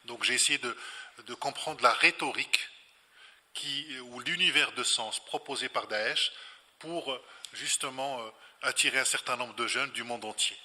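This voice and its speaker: A man answers spontaneously as a guest scholar at a public talk, explaining in a reflective, didactic style and repeating key phrases. He speaks a little slowly, in a medium-pitched, sharp-toned voice, recorded in a reverberant hall.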